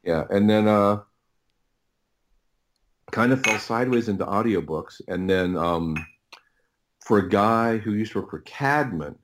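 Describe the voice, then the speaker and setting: Slight background noise accompanies a lowish voice with lively intonation. The speaker, a middle-aged writer and audio producer on a podcast, rambles through casual anecdotes, halting, repeating himself, and breaking off his phrases.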